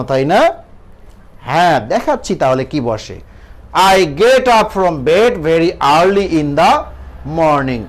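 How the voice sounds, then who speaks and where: A man's voice: high-pitched, smooth. A man with a Bangladeshi accent teaching an English grammar lesson to children, asking questions and answering them himself. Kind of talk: classroom lesson.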